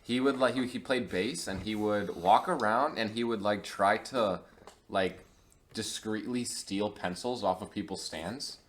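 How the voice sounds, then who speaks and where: A man's voice: fairly low pitch, a little slow, slight background noise. A young man chatting casually on a podcast, drawling through anecdotes with plenty of "like" and "dude". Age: young adult. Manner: laid-back, drawling anecdotes full of "like" and "dude". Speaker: podcast guest. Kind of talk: casual chat.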